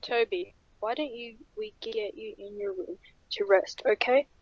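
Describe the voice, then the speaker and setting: A gentle, tired mother as a woman reads her, speaking softly and soothingly in a home-made horror story. Her voice is a little husky. The audio is dull and lo-fi. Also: a little high, a little slow, dry recording.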